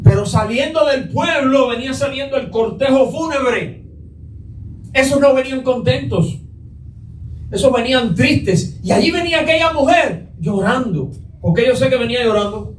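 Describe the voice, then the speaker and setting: High-voiced man preaching in an echoey church. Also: lively intonation, normal speed, recorded from a distance, a little hiss or hum. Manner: asks the congregation questions and answers them. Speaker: pastor. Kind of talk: Sunday sermon. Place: church sanctuary.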